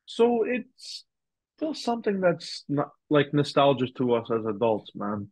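Husky-voiced young man, rambling chat. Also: mid-range voice, big pitch swings, a little slow, darkish tone, no echo. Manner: rambling, heavy use of "like" and restarts. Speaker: podcast guest. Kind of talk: casual chat.

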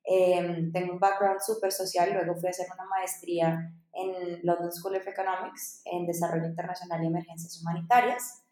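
Recorded in an echoey room, a woman from Colombia, a startup founder, shares her story on a podcast in a chatty way with lots of fillers. Her voice is on the low side and warm in tone.

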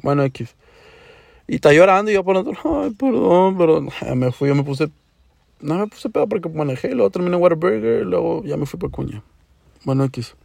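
Podcast storyteller: young man, northern Mexican border accent, Chicano-flavored profane slang, fairly high gravelly voice, close dry sound. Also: big pitch swings, brisk, darkish tone, no room sound. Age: young adult. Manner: slangy, profane, with Chicano-style English words mixed in; acts out dialogue. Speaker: podcast host.

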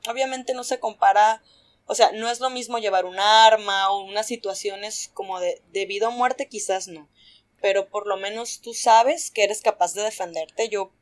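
A young adult woman with a Mexican accent, telling stories as a guest in a casual chat, animated and slangy, laughing often. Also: mid-range voice, normal speed.

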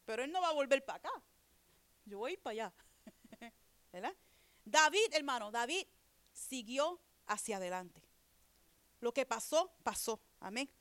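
High-voiced woman preaching conversationally. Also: lively intonation, moderate pace, long pauses, fairly bright tone, dry recording. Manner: conversational preaching, repeatedly asks "¿verdad?"; reads scripture aloud and explains it. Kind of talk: sermon.

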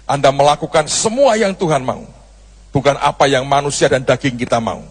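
A man's voice: medium pitch, normal speed, slightly rough, big-room sound. A man preaching a sermon as a pastor, telling a story and acting out its dialogue in changing voices.

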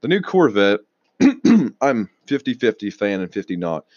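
A young man casually rambling on his own show, restarting sentences, swearing now and then and clearing his throat a lot, sounding tired. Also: fairly low pitch, sing-song, a little slow, darkish tone, no echo, highs cut off. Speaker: auto news vlogger.

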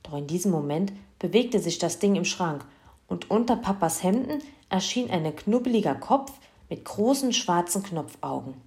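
A woman reading a children's Christmas story aloud in a lively, expressive way. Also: lowish voice, moderate pace.

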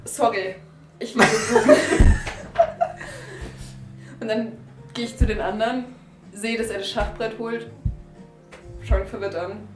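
A woman playing a tabletop role-playing game with friends, playful and excitable, often laughing. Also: fairly high pitch, moderate pace, long pauses, roomy sound, music in the background. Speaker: player. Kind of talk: tabletop role-play banter.

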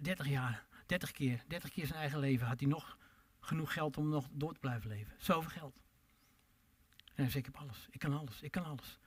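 A man preaching a sermon, swinging between loud emphatic calls and quiet low asides, and drawing out his words when he quotes scripture. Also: slightly rough. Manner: drawn-out pleading delivery when quoting scripture.

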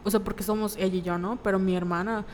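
A young woman with a Mexican accent chatting casually, acting out quoted lines from her mother in animated bits. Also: mid-range voice, fast talker, a little hiss or hum. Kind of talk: casual chat. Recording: long reverb, faint background ambience.

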